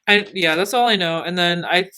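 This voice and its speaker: A woman's voice: on the low side, moderate pace, sharp tone. A young woman in her twenties, co-hosting a podcast in casual chat, rambling with many fillers and laughing, a little tipsy. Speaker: podcast co-host.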